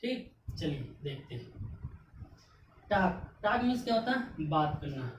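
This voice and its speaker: A woman's voice: deep voice, sing-song, unhurried. A woman teaching English grammar, spelling words out letter by letter and answering her own questions. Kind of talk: classroom-style grammar lesson. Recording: echoey room, mic at a distance, faint noise.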